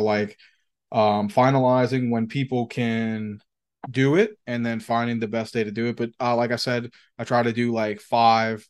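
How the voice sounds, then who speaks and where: A man co-hosting a podcast in casual chat, rambling and slangy, with plenty of swearing. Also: medium pitch. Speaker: podcast co-host.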